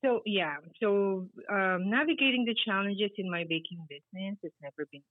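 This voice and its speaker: A woman's voice: mid-range voice, moderate pace, no room sound. A middle-aged woman from the Philippines, answering interview questions casually with many fillers. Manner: rambling, many fillers, laughs easily. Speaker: guest, baker and business founder. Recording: tinny phone-like line.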